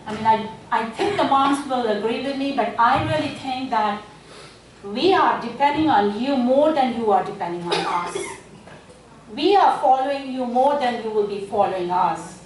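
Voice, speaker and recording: A woman's voice: a little high, lively intonation, moderate pace. A woman in her fifties, a community speaker and teacher, giving an earnest, exhorting talk to mothers and daughters at an event, often saying "you know". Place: event hall. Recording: echoey hall, mic far off, faint noise.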